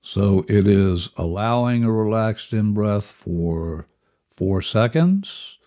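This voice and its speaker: A man leading a guided breathing lesson as instructor, measured and instructional, counting out each step. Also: fairly low pitch, animated, dark tone. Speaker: relaxation and breathing instructor, host.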